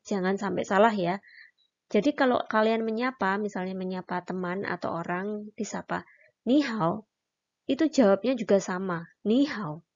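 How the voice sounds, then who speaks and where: A female Mandarin teacher leads a recorded online lesson, patiently explaining and saying each syllable aloud to demonstrate. Her voice is mid-range and the sound is lo-fi.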